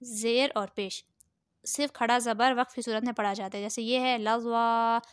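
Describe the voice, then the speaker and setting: A woman teaches Quran reading, spelling words one syllable at a time and stretching every sound. Her voice is very clear and sits a little high. It is recorded close and dry, with no room sound. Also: steady tone, dry recording. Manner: drawn-out syllable-by-syllable spelling, then quick explanations. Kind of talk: slow spelled-out recitation lesson.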